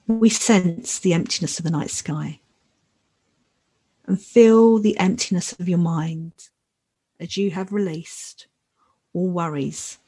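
Slow, soothing woman guiding a meditation. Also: lowish voice, husky, poor audio. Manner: soft, soothing, measured delivery with long pauses. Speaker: podcast host leading a meditation. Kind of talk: guided meditation.

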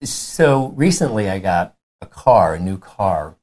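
A man in his fifties with a deep, low voice, giving a conference talk about family faith. He speaks earnestly and conversationally, urging his listeners on. The tone is warm and exhorting. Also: big pitch swings, takes it slowly.

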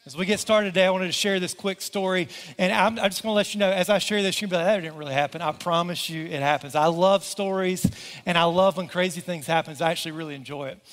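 A man with a high voice preaches to his congregation in a church auditorium. He tells his story with energy and calls on the crowd to join in. His voice rings out with a long reverb from the hall. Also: fairly even intonation, fast, fairly bright tone. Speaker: pastor. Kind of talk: sermon.

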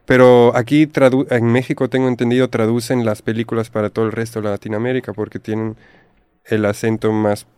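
A man who is a travel content creator, a guest in a casual chat, who talks in a relaxed way and playfully mimics accents. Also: mid-range voice, brisk, smooth, dry recording. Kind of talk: casual conversation.

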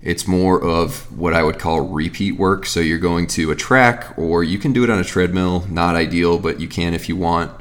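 Deep-voiced man giving casual fitness advice. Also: steady tone, normal speed, hardly any pauses. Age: 30s. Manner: rambling and conversational, frequent restarts and fillers. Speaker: fitness coach and podcast host.

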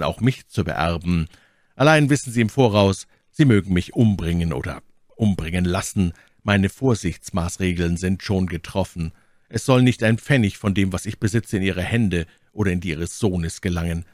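Brief: sardonic aristocrat, read by a male narrator, dry close sound, calm menace. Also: low-pitched, no room sound, lightly acted. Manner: coolly sarcastic, measured threats. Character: cold, mocking English lord, calm and menacing. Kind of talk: audiobook character reading.

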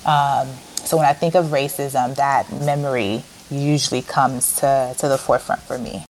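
A woman from Haiti recounts a childhood memory in an earnest, reflective way. Her voice is notably low. Faint clicks and noise sit behind her. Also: fairly even intonation, moderate pace, darkish tone, rough recording. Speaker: panel participant. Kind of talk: personal storytelling.

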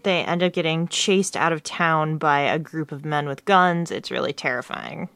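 A woman's voice: low voice, moderate pace, a bit bright, no echo. A woman co-hosting a podcast, chatting casually and laughing often. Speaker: podcast co-host.

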